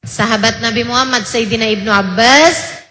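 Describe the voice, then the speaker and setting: A woman in her forties from Indonesia, preaching a sermon with animated storytelling and direct address to her listeners. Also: a little high, moderate pace. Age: 40s. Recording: echoey hall.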